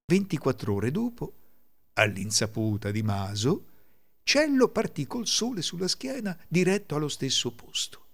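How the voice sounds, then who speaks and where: Uomo narratore di fiabe dal tono espressivo. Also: male voice, on the high side, normal speed. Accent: Italian. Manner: theatrical, expressive reading. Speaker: storyteller. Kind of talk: scripted folk tale narration.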